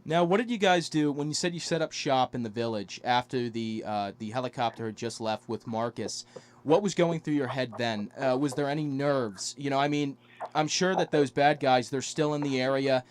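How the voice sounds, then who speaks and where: A man's voice: medium pitch, normal speed, a little hiss or hum. A man hosting an interview, asking long, hedging questions full of "you know". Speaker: interview host.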